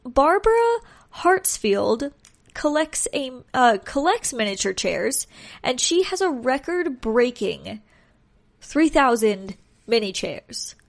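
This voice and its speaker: A woman's voice: high-pitched, sing-song, takes it slowly, gravelly. A woman hosting a casual solo podcast, chatty and joking, sounding congested and nasal as if pinching her nose. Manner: chatty, joking, self-deprecating. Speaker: podcast host.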